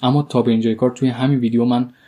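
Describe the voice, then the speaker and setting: A man with a Persian accent teaching a vocabulary lesson, saying each word slowly twice and then explaining it. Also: mid-range voice, little pitch movement, warm tone. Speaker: English teacher. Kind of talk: vocabulary lesson, slow repeated words with translations.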